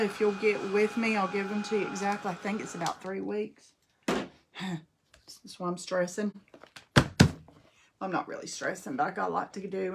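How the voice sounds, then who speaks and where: Against background noise, a woman with a mid-range voice and a North Carolina Southern accent runs a live-streamed craft demonstration. She works at her craft table while chatting folksily with viewers, calling them by name.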